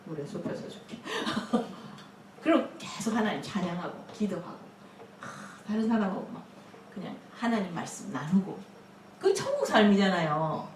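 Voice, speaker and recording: Animated woman preacher, echoey hall. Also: mid-range voice, normal speed, a little hiss or hum. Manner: animated, laughing often, acting out quotes. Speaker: pastor. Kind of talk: lively sermon. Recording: echoey room, mic at a distance.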